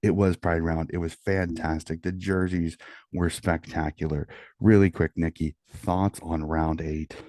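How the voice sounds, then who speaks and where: A middle-aged man with a deep voice hosts a sports round-up, keeping it quiet as if others are asleep at night. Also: little pitch movement, a little slow, dry recording, studio quality. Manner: hushed, quieter than normal late-night-radio delivery so as not to wake someone. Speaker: sports podcast host. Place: small room at home. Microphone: close studio mic with pop filter.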